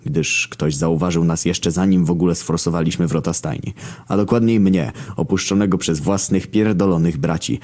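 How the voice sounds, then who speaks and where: Brief: very deep male narrator, dry and foul-mouthed storytelling. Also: vocal fry. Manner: deadpan, heavily profane. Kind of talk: first-person story narration.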